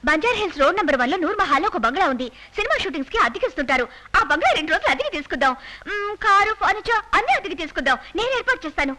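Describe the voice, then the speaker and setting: A woman's voice: very high-pitched, sing-song, racing, sharp tone, heavily acted. An actress playing a confident, breezy young woman friend who comes up with schemes, in a dubbed film drama.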